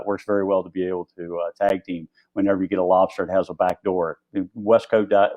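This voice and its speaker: Guy with a lowish voice, rambling casually thru a gear demo like an instructor. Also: darkish tone, dull audio. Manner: rambling, conversational explaining. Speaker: instructor presenting diving gear. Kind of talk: informal product tutorial on live video.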